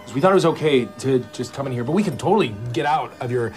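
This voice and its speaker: An actor as an awkward male rock fan in a comedy film. He stammers and trips over his words, bumbling and starstruck. His voice sits in a middle register, with music clearly playing behind him. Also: mid-range voice, expressive, a little mellow, lightly acted. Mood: nervous, starstruck. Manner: stammering, halting, tongue-tied. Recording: background music under film dialogue.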